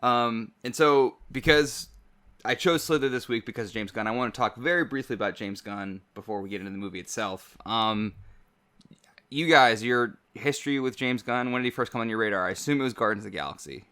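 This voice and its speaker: A man hosting a casual film podcast, chatty and quick to laugh. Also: mid-range voice, pushed and bright, smooth. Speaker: podcast host.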